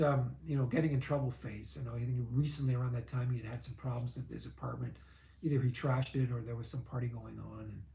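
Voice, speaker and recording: A man's voice: medium pitch, creaky. Rambling man telling stories in an echoey room. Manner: rambling, chatty, with frequent fillers and asides. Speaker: vlogger. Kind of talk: casual storytelling.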